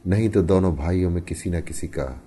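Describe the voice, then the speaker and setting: A man narrating a story in an expressive audiobook style, with emphatic rises and hushed falls. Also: deep voice, a little fast.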